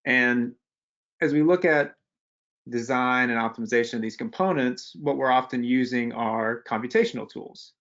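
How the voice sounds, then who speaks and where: A man's voice: mid-range voice, moderate pace, a bit bright, highs cut off. A young man presenting a technical webinar in a casual, conversational way, with many fillers and restarts. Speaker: webinar presenter, postdoctoral researcher.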